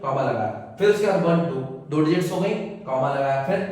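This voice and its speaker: A man's voice: on the high side, expressive, fairly quick. A man teaching a maths lesson to children, asking questions and answering them himself, often calling the students "beta". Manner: calls students "beta" warmly. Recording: echoey hall, voice from far off.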